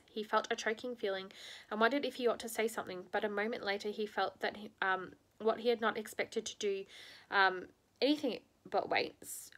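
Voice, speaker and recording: A woman's voice: mid-range voice, fairly bright tone. Woman reader, casual read-aloud of a children's book, stumbles and restarts often. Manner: unpolished, frequent ums and restarts.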